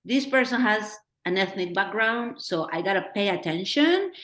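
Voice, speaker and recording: A woman's voice: medium pitch, lively intonation, moderate pace, a bit bright. A middle-aged woman with a Peruvian accent speaks earnestly about her work, working her thoughts out as she goes, restarting phrases and acting out what other people might say. Her voice sits in a middle register. The room around her rings with a noticeable echo. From Peru. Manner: earnest, thinking aloud with restarts and acted-out quotes. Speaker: documentary director. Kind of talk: Q&A discussion. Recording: roomy echo.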